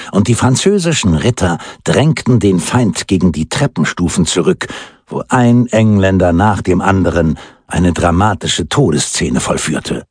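A man narrates an audiobook in a measured storytelling manner. His low voice is husky. The recording is dry and close. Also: no echo. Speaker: audiobook reader.

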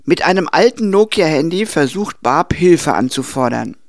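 A man narrating a film review in a brisk, summarizing way. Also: a little high, lively intonation, dry recording, clean studio sound. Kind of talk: scripted narration.

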